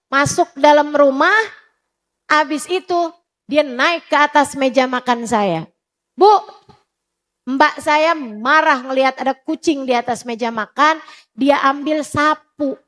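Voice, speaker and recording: A woman's voice: high voice, fairly bright tone. A woman preacher giving an emphatic sermon to women, addressing them directly and repeating her points. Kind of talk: sermon to a women's study group.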